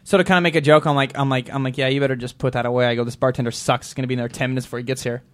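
A Montana man hosts a casual talk show, telling rambling stories in rapid-fire bursts and laughing his way through them. His voice sits at a medium pitch with a flat delivery.

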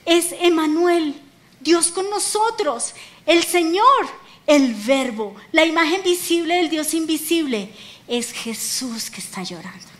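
A solemn God speaks from heaven, as a woman preacher acts Him out in her sermon. The delivery is slow and declaiming, with each title given weight, in a high voice. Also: expressive, fairly bright tone, full character voice.

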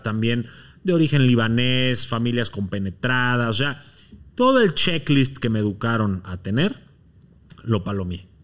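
A man, a podcast guest, telling a story from his own life at an ordinary pitch. He speaks in a relaxed, slangy, conversational way, acting out what people said. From Mexico.

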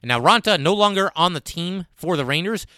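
A man presents a sports countdown as a podcast host, talking quickly in a bright, slightly high voice. His delivery is emphatic and conversational, like a keen fan arguing for each ranked pick. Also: lively intonation, clear, resonant tone, dry recording, studio quality. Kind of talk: top ten countdown style sports commentary.

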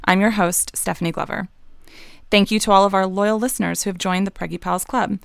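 A woman's voice: mid-range voice, fairly even intonation, fairly quick, creaky, smooth, dry recording, clean studio sound. A woman in her thirties hosting a casual podcast, upbeat and chatty. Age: 30s. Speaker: host.

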